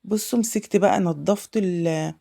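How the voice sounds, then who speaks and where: A woman's voice: medium pitch, moderate pace, gravelly, dark tone. A woman with an Egyptian accent and a sore throat, chatting effusively at home in a casual vlog and piling up thanks and oaths. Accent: Egyptian Arabic. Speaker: homemaker vlogger.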